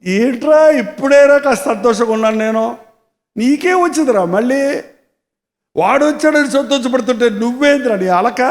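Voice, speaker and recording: A man preacher voicing an aging father who gently coaxes and scolds his sulking elder son. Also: high-pitched, long reverb tail. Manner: gentle coaxing, affectionate scolding.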